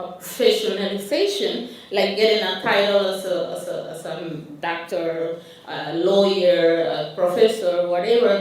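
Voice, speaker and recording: Recorded in a roomy hall, far from the mic, a woman from Honduras delivers a conference talk with slides. Her voice is medium-pitched with a Honduran Spanish accent, and she speaks haltingly, frequently restarting and filling pauses.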